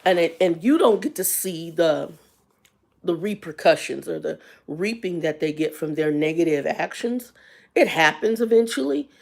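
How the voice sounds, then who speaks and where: Low gravelly woman in her fifties. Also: animated, moderate pace. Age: 50s. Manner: candid, colloquial, faith-based asides. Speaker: livestream host. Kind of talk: casual storytelling livestream.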